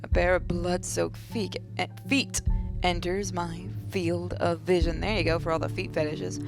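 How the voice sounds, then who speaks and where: With game music underneath, a woman in a gaming video reads horror text aloud in an unhurried, fairly low voice marked by vocal fry and a flat pitch. Between the dramatic lines she throws in casual jokes.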